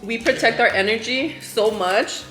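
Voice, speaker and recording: A woman's voice: a little high, normal speed, a bit bright, reverberant, soft background music. A woman co-hosting a casual eating vlog, chatting easily and slipping Spanish words into her English. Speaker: vlog co-host. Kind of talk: casual mukbang chat.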